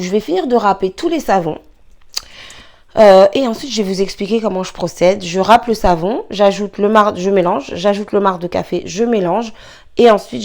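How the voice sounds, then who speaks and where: A medium-pitched, darkish-toned woman hosts a how-to beauty vlog, chatting loosely and rambling with plenty of fillers and restarts. She works with her hands as she goes and apologizes in quick asides.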